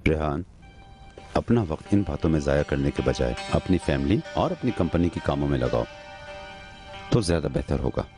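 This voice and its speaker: A man dubbing a stern elder brother in a TV drama, speaking in a measured, admonishing way. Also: rumbling low, lively intonation. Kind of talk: dubbed TV drama. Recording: music behind.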